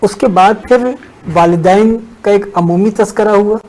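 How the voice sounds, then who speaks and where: A man as a religious scholar on a talk show, explaining a teaching in a measured way and unfolding a story with pauses. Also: high voice, steady tone, a little mellow, rough recording.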